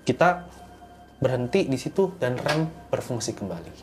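A man tells a horror story in casual chat, his voice at an ordinary middle pitch. He grows animated as the tension builds, pushing higher and louder. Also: moderate pace, slight background noise. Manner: animated, rising in pitch and volume at tense moments. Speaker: guest storyteller.

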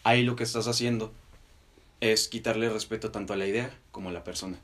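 A young man with a Mexican accent co-hosting a podcast, debating casually and deliberately in short, halting phrases. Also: lowish voice, steady tone, fairly bright tone. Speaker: podcast co-host.

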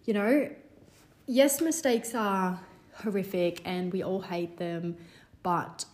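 A woman's voice: mid-range voice, fairly even intonation, slow. A woman in her twenties hosting a solo podcast, talking in an earnest, rambling way with lots of fillers, a little stuffy from a cold. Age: 20s. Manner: warm, earnest, rambling with many "you know" fillers. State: slightly congested, recovering from a cold. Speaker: podcast host. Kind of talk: casual solo podcast talk.

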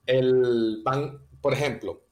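A man explains finance in an interview, walking through each idea step by step. His voice sits in an ordinary middle pitch, and he builds his points patiently with examples. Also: steady tone, takes it slowly, highs cut off, a crowd in the background. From Venezuela. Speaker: guest economist.

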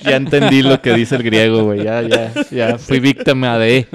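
Slangy northern Mexican man, mid-pitched. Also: steady tone, normal speed. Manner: slangy, profane, joking. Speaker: podcast panelist. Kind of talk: casual chat.

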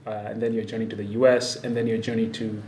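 A man hosting a podcast interview, upbeat and quick to laugh, with many fillers. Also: on the low side, little pitch movement, darkish tone, slight background noise. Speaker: podcast host. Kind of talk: casual interview. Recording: echoey room.

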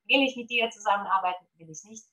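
A Polish woman speaks German with a Polish accent as a guest on an interview podcast about gut health. Her mid-range voice is quick, pushed, and bright, and she comes across eager and promotional, with many fillers.

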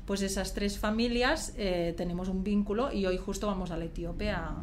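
Animated woman storyteller, faint noise. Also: medium pitch, normal speed. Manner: animated storyteller, acts out quotes with rising emotion. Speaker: guest telling her adoption story. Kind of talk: casual chat.

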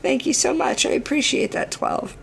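A woman hosting a podcast in casual chat with a hoarse, shot voice, rambling playfully and swearing. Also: high-pitched, expressive, moderate pace, background noise. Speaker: podcast host.

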